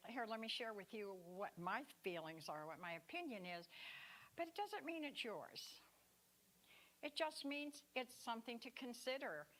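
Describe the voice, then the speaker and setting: A woman in her sixties giving a spiritual talk at a center, chatty and animated with playful asides. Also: mid-range voice. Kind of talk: sermon talk.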